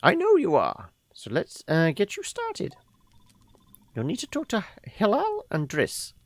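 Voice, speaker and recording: A performer putting on the voice of a kindly old woman mentor in a game, tender, halting and reassuring. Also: lowish voice, wildly swooping pitch, dry recording, pitched above the performer's own voice, exaggerated voice.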